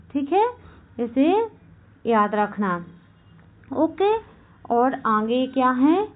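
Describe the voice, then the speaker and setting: A woman teaching a Hindi grammar class for exam candidates, slowly repeating each point and asking questions that she answers herself. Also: sits high, phone-quality sound. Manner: slow and repetitive, asks questions and answers them herself; keeps saying "okay, remember this". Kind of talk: exam-prep class lecture.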